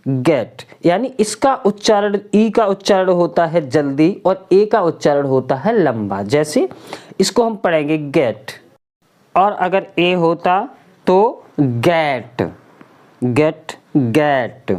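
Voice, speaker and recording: Woman doing a pronunciation lesson, super slow, spells letters out then says each word twice, lowish voice. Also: expressive, a little mellow. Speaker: English pronunciation teacher.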